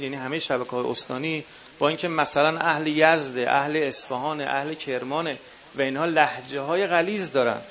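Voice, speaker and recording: A man's voice: on the high side, fairly bright tone. Qom-accented man giving a workshop lecture. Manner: instructive, addresses listeners as dear ones, counts off numbered points. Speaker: workshop instructor for religious eulogy singers. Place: workshop session with a live audience.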